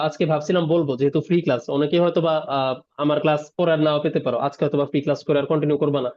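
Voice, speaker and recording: A man teaches English over a video call, moving quickly through word meanings and asking his students whether they follow. His voice sits high and his pace is brisk. The sound is dull and lo-fi, as online class audio often is. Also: a little mellow. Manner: explains word by word, mixing English terms, asks "ঠিক আছে?".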